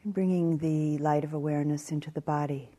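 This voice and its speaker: A woman with a low-pitched voice guides a meditation calmly and in a measured way, leaving long pauses between short phrases.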